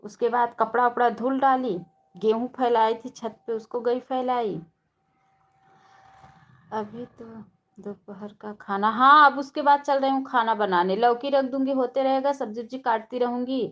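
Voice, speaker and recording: A high-voiced young woman chatting on a live stream while doing her household chores. She greets each viewer by name in a friendly, running patter and talks casually throughout. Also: steady tone, moderate pace, a bit bright.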